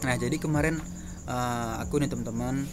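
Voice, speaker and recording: Young male podcast co-host, mid-range pitch, halting explainer, music bed behind. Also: fairly even intonation. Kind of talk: casual podcast chat.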